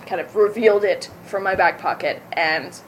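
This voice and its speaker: A woman's voice: medium pitch, moderate pace, low-quality recording. Young woman, Southern accent, actor, casual interview, chatty, self-correcting, faint background hiss. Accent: Southern American. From American South. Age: young adult.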